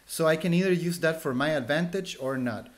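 This guest, a Chilean street photographer in his thirties, speaks English with a Chilean accent, Spanish being his first language. His voice is a little high and fairly quick as he rambles through stories, restarting often, dropping "like" repeatedly and gesturing animatedly. It's a casual headset interview on a video call, from a small indoor room at home.

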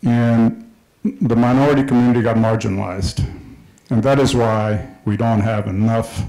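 Fairly low in pitch and warm in tone, the voice keeps fairly even intonation at a moderate pace, though the recording is rough. It belongs to a middle-aged Kenyan delivering a fervent, repetitive speech at a public session, using a handheld mic inside a large hall with a screen.

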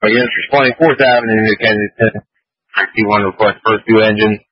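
A man's voice: on the low side, steady tone, fairly quick, breathy edge, no echo. A man relaying fire dispatch orders over two-way radio in terse, procedural phrases. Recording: dull lo-fi radio.

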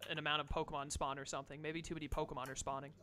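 A man's voice: a little high, flat delivery, racing, a crowd in the background. A man giving casual commentary to chat and friends while streaming a game. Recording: background noise, keyboard clicks and typing.

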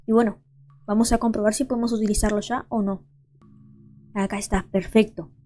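A woman's voice: mid-range voice, level tone, brisk, warm tone. A young woman, hosting a let's play and chatting to viewers as she thinks aloud. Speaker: gaming channel host.

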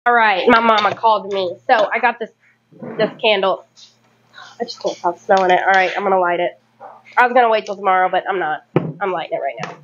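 This home cooking vlogger, a woman in her thirties, chats and rambles as she cooks in her kitchen at home, fixing her own words as she goes. Her mid-range voice moves fairly quickly. The recording has cut-off highs and a noisy background.

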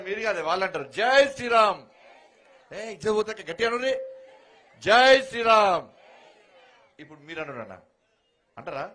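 A man with a Telangana Telugu accent, speaking outdoors in the sun at a village rally, who teases the crowd and leads shouted slogans. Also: high voice. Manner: teasing banter with the crowd, rising to shouted slogans. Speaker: politician addressing a rally. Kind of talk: outdoor political rally speech.

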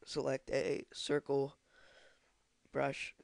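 A young man walks through a computer tutorial, his voice stuffy from a cold and edged with fry. He hesitates often with ums and uhs. The sound is dry and close. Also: medium pitch, completely flat delivery, extremely slow, darkish tone, no room sound. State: congested from a cold. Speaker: software tutorial maker. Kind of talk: screen-recorded tutorial.

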